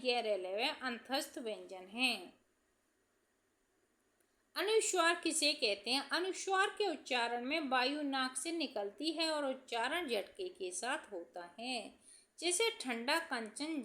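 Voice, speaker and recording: A young woman teacher reading out exam questions and answering each one, slowing down to list examples. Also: sits high, a bit bright. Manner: reads each question, then answers it slowly, listing examples.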